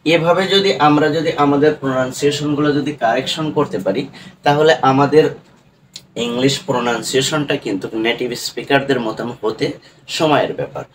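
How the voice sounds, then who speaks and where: A man's voice: medium pitch, slight background noise, rough recording. A man with a Bangladeshi accent teaching an online lesson, explaining patiently with fillers and repeated checks. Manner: explains slowly with repeated fillers and tag questions.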